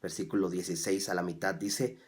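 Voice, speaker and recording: A man preaching a sermon as pastor. He drops to soft, low asides, then rises loudly when he reads scripture, and he asks his listeners rhetorical questions. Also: little pitch movement, a little fast. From Mexico. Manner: swings from soft, low asides to loud, raised scripture reading.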